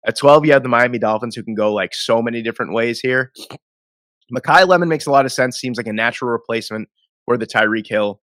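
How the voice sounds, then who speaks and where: Speaking quickly at medium pitch with a fairly bright tone, a sniffly, nasal man with a cold hosts a casual football draft talk. The clean studio recording has no room sound, and he rambles along conversationally, often correcting himself.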